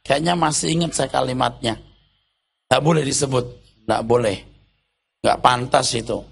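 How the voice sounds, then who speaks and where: A man's voice: mid-range voice, fairly even intonation, normal speed, gravelly, breathy edge. A man pastor preaching a sermon in a loose, colloquial way, tossing rhetorical questions at the congregation.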